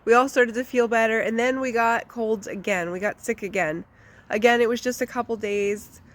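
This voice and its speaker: A vlogger gives her channel a candid, casual life update, chatty and full of fillers. Her voice is on the high side with a steady tone and normal speed, congested from a recent flu.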